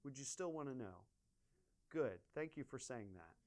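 A man's voice: mid-range voice, lively intonation, moderate pace, darkish tone. A man preaching a conversational sermon as pastor, asking his congregation questions and talking informally with fillers and restarts.

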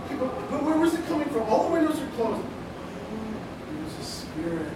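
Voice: mid-range voice, sing-song, normal speed, close to an everyday voice. An actor playing a nerdy, cowardly teenage boy with an anxious, dramatic manner in a comedy sketch. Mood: nervous. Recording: echoey, noisy, far from mic.

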